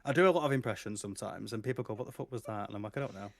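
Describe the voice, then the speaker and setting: A man's voice: lowish voice, very fast, vocal fry, slight background noise. A young man, a guest streamer chatting casually on a podcast, laughing often and swearing freely.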